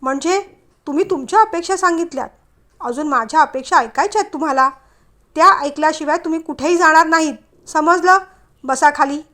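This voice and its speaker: A woman voicing a flustered but spirited young woman who turns sharp and scolding. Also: sits high, lively intonation, normal speed. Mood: indignant.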